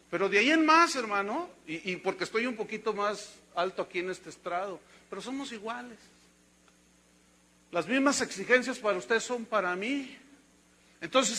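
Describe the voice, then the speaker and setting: A man's voice: very high voice, bright, forceful tone. A man with a Mexican Spanish accent preaching a sermon as pastor, conversational and teasing, then emphatic.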